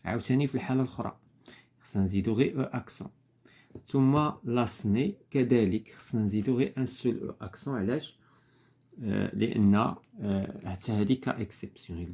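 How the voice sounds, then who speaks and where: A man with a Moroccan accent teaches a lesson at a steady, patient pace, going through each point one at a time. His voice sits fairly low, with a dark, husky tone. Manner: patient, explains step by step with frequent fillers. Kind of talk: lesson explaining worksheet answers.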